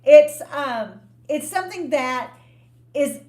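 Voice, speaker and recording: A woman co-hosting a podcast, giving frank, unhurried relationship advice in a casual, explanatory way. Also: sits high, lively intonation, dark tone. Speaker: podcast co-host. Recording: echoey room.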